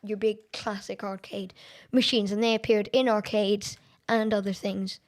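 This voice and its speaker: A woman streamer chatting through a racing game, excitable and quick to laugh at her own mistakes. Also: mid-range voice. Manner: chatty, excitable and self-deprecating. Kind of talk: live-stream gameplay commentary.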